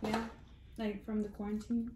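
A woman's voice: mid-range voice, completely flat delivery, normal speed. A young woman chatting casually as a guest in an eating video, in a laid-back way. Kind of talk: casual chat. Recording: roomy echo with clear background noise.

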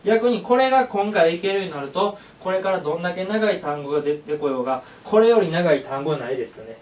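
A man's voice: high-pitched, animated, fast, darkish tone, distant mic. Upbeat man teaching in an echoey room. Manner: upbeat, encouraging, repeats phrases aloud. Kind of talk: classroom lesson.

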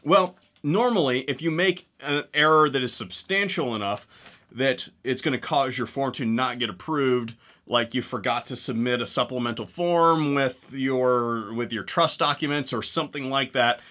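Speaking at normal speed in a mid-range, sharp-toned voice, a man in his thirties hosts a gun channel and talks casually to camera with wry humor, including a sponsor read. The setting is an indoor room with guns displayed on the wall behind him.

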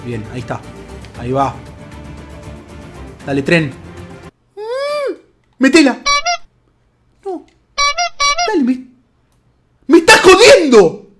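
A man with a Rioplatense Spanish accent commentating his own football video game match live, excitable, swearing and yelling at his players. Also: very high-pitched, slow pace, pauses often, over music.

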